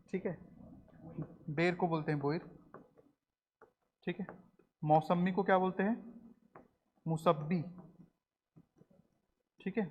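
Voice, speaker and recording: A man, teaching a classroom lecture, quizzing students and repeating their answers. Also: high-pitched. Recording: roomy classroom recording, dull and slightly noisy.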